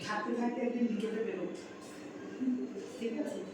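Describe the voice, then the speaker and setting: A woman's voice: medium pitch, fairly even intonation, fairly quick, distant mic, background noise. A woman, the vlogger's mother, chatting casually with brief, friendly replies. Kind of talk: casual family chat. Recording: echoey room, from across the room.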